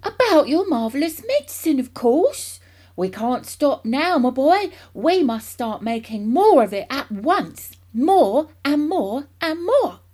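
Woman playing a loud, wildly excited storybook dad. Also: sits high, slow pace, voice pushed up, exaggerated voice. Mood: feverishly excited. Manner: exclamatory, emphatic, impatient. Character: wildly excited, bossy father, ranting with grand schemes. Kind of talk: children's storybook character voice.

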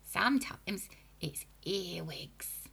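A wicked old grandma hag for a storybook: husky, throaty whisper, slow, relishing menace. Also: female voice, expressive, a bit bright, exaggerated voice. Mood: gloating. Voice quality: high, creaky, whispery and throaty. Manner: slow, gloating, relishing each word.

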